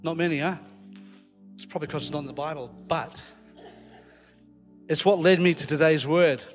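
A Scottish man preaches informally before a live congregation in a large hall, telling jokey, self-deprecating stories. His voice is on the high side with fairly even intonation and normal speed. Faint music plays behind him, and the live church recording carries long hall reverb.

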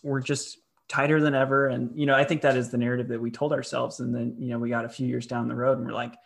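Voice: mid-range voice, little pitch movement, very fast, vocal fry. Reflective podcast co-host, frank and casual. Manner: reflective, frank, with filler "you know".

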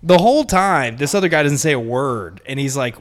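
A man in his twenties, a podcast co-host, telling a story in a rambling, animated way full of filler. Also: mid-range voice, fairly quick, a little hiss or hum. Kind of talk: casual storytelling among friends.

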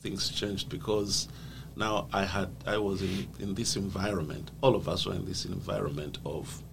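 A man with a Zambian accent tells his life story as a guest in an interview, earnest and thoughtful. His creaky voice sits low, with a steady tone and moderate pace. The background is noisy.

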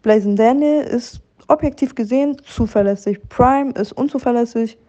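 Measured woman with a muffled sound. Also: fairly high pitch, dark tone.

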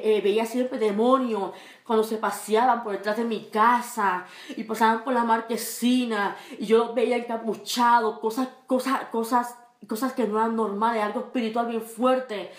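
A woman giving an emotional religious testimony, halting and repeating words, rising high and loud when reliving fear. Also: reverberant. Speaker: testifying believer.

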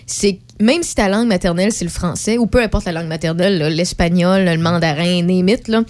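A woman's voice: fairly low pitch, fairly quick, a little mellow. Chatty Québécois woman radio host. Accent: Québécois French. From Quebec. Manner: chatty and rambling, many fillers. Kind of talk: casual radio chat.

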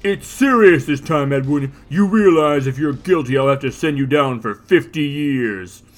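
A man voicing a stern, impatient comic-book lawman, firm, loud and curt. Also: on the high side, moderate pace, natural voice. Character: stern, impatient male lawman interrogating a suspect.

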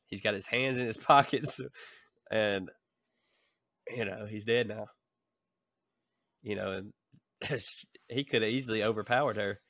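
A man's voice: lowish voice, measured pace, pauses often, a bit bright, no echo, clean studio sound. A man co-hosting a casual podcast chat, rambling and laughing between thoughts. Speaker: podcast co-host.

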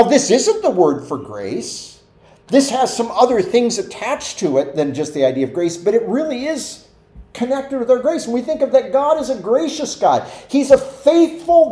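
Lively-voiced pastor preaching in an echoey room. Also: male voice, high-pitched. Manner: conversational, acts out quoted voices. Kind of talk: sermon teaching. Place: church sanctuary.

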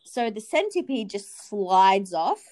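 A young woman tells a story in casual podcast chat. Her delivery is animated, full of "like" fillers and quick restarts. Her voice sits at an ordinary middle pitch.

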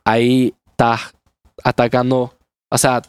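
A man with an American accent in his Spanish, a native English speaker, talking casually as an interview guest in halting Spanish mixed with English phrases. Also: mid-range voice, monotone, clean tone, dry recording, studio quality. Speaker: guest musician.

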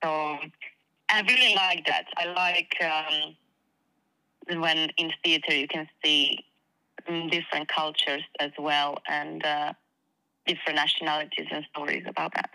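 A woman's voice: deep voice, fairly even intonation, unhurried, pushed and bright, rough recording. Croatian-accented young woman, hesitant. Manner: hesitant, many fillers, laughs easily. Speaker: guest actress. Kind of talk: casual interview chat.

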